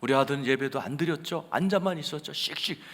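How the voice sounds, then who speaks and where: A man preaching a sermon as senior pastor, telling a story with sudden swings between loud outbursts and hushed asides. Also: fairly high pitch, fast talker. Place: large church sanctuary. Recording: reverberant church hall.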